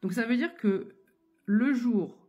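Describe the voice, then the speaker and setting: A woman's voice: on the high side, takes it slowly, mellow, husky, lo-fi sound. A woman giving a casual tarot reading, talking straight to the listener with lots of fillers and restarts, her voice still not fully back after an illness. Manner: hesitant, many fillers and restarts, addresses listener directly. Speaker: tarot card reader.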